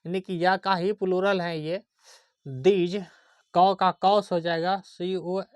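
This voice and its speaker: Slow, patient male teacher. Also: sits high, steady tone, no room sound. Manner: slow, patient, checks understanding often. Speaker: English grammar teacher. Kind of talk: classroom grammar lesson, spelling words letter by letter.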